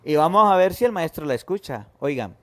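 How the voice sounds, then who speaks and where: A man's voice: fairly high pitch, expressive, fairly quick, a bit bright. A man, a priest giving an emphatic gospel homily who calls his listeners to attention and acts out the pleas he quotes. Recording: faint music behind.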